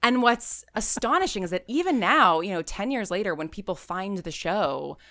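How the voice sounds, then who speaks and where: This interview guest, a woman who writes and creates audio dramas, has a bright, forceful mid-range voice with lively intonation, normal speed, and no echo. Her casual, chatty answers ramble, full of "like" and "you know," and she leans on key words.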